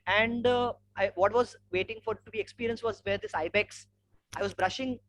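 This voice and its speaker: A man with a polished, educated Indian accent and a fairly high voice talks through a slide presentation. He moves conversationally from point to anecdote. The webinar audio carries clear noise and a hum. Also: moderate pace, fairly bright tone. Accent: educated Indian English. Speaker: webinar speaker, environmental educator and trek leader. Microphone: online webinar microphone.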